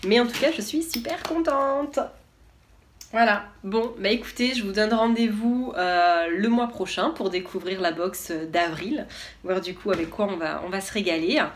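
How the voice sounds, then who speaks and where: A woman's voice: medium pitch, moderate pace. A woman vlogger chatting casually and enthusiastically as she unboxes products, with lots of hesitation fillers.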